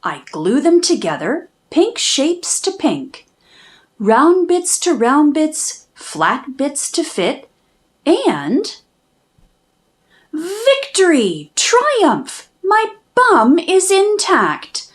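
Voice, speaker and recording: A high-voiced woman reads a rhyming children's picture book aloud, extremely slowly. Her pitch swings widely as she takes her time over each line, and she leans into key words with expressive, dramatic emphasis.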